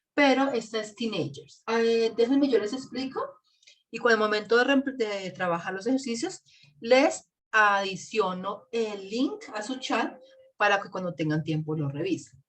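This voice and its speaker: A woman's voice: a little high, fairly bright tone. A woman teaching an online class through a computer mic. She talks patiently, spelling out letters and repeating examples for her students. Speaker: English teacher.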